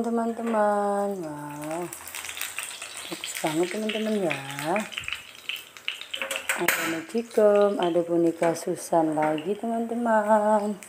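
Amid a noisy background, a woman with a medium-pitched voice vlogs her way through a toy stall on a handheld phone camera. She addresses friends with eager, repeated exclamations about every toy she passes.

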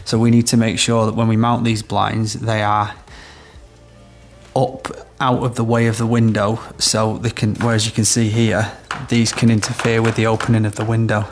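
This electrician, a man in his thirties, demonstrates a product in a house's small room while explaining the work in practical, step-by-step terms. His fairly low voice keeps a level tone at a moderate pace, with faint music behind.

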